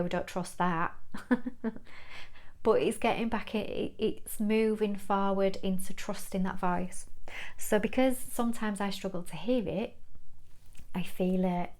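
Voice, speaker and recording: A woman gives an earnest, reflective spiritual talk. She speaks as a kinesiology teacher and guide, warm in intent, with the odd soft laugh. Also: medium pitch.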